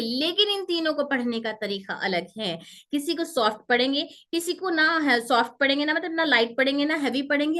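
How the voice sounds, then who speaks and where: A woman's voice: high voice, sharp tone. A woman teaching Quranic letter pronunciation in an online class, explaining patiently and drawing out each sound for practice. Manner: slow, drawn-out demonstration of letter sounds.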